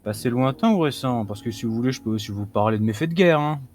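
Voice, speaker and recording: A man's voice: mid-range voice, animated, fast, darkish tone, close to an everyday voice. A man playing a sarcastic, weary arrested interrogator who stays nonchalant under questioning in a tabletop game. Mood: sardonic. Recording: music behind the voice.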